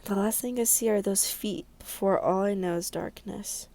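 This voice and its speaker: A woman's voice: medium pitch, normal speed, mellow. A young woman hosting a let's play, reading game narration aloud and commenting in an informal, reactive way. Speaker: gaming video host.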